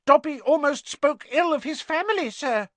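A reader voicing a small male house elf in a storybook, high-pitched and squeaky, earnest, deferential and easily distraught. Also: expressive, moderate pace, fairly bright tone, dry recording. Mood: anxious, servile. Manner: deferential, speaks of self in third person.

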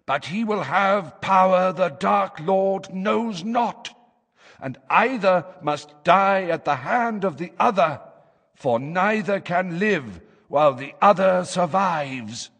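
A man voicing a female seer in a trance, speaking a prophecy in a harsh, hoarse voice with slow, solemn chanting. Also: high voice, a bit bright, in a large hall, pitched above the performer's own voice, exaggerated voice.

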